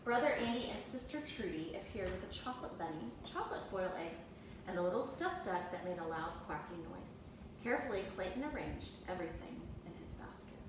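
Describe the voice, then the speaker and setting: A woman teacher with a lowish, animated, brisk voice reads a children's storybook aloud in a narrating style to her second grade class. The room is echoey, the mic is distant, and background noise is clearly audible.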